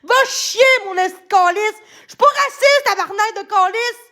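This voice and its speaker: Shouting Québécois woman, very high voice. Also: normal speed. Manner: ranting, heavy swearing, frequent shouting. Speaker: livestreamer. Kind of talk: angry livestream rant.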